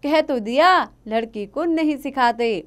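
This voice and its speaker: A woman doing a gruff old potter father. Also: sits high, unhurried, a little mellow, voice pushed up. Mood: stern scolding. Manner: gruff, scolding. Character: stubborn coughing village potter father.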